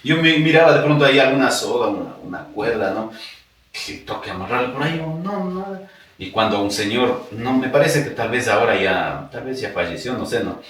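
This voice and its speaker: A man from Ecuador with an Ecuadorian highland Spanish accent, a podcast guest telling his life story in a casual, animated way and acting out remembered dialogue. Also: fairly quick. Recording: echoey room, distant mic.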